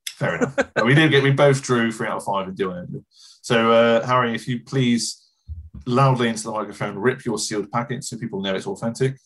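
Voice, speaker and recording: A man's voice: mid-range voice, a little fast, fairly bright tone. A man hosting a casual podcast, chatty and self-deprecating, laughing often. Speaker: podcast host.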